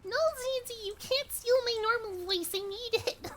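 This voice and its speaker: Very high-pitched cute anime girl streamer. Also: moderate pace, a bit bright, faint music behind. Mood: playful, pleading. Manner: cute anime streamer, squeaky-sweet and bashfully apologetic. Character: shy, cutesy little anime girl streamer. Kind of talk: casual livestream chat while gaming.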